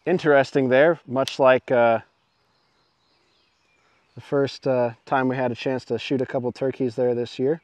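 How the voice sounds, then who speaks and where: This muzzleloading channel host, in his thirties, speaks at a medium pitch with a steady, slightly mellow tone, taking his time and pausing often. He's demonstrating something outdoors in the woods in a relaxed, self-effacing way, and his clip-on lapel mic picks up no room sound.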